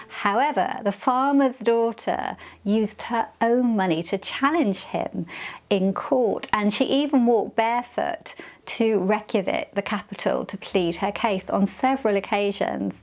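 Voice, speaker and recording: Middle-aged woman vlogger, chatty and enthusiastic, mid-pitched voice, casual to camera. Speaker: travel vlogger. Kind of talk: casual travel talk to camera.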